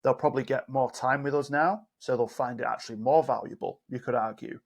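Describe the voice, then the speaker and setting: A man with a gravelly, mid-pitched voice talks casually on a podcast as a coach. He tells stories at an easy pace, acting out both his own lines and those of the other person. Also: a little fast. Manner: animated storyteller, acts out dialogue.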